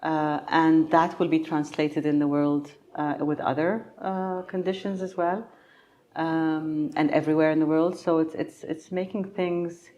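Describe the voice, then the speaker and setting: A middle-aged woman from Egypt, a patient advocate answering conference interview questions thoughtfully, pausing often with fillers. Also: sits low, steady tone, mellow, dull audio. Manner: thoughtful, many pauses and fillers.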